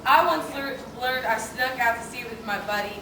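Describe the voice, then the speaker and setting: A woman's voice: fairly high pitch, fairly quick, close to an everyday voice. A woman playing a gushing, slangy teenage girl movie critic. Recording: echoey stage from a distant mic, noisy.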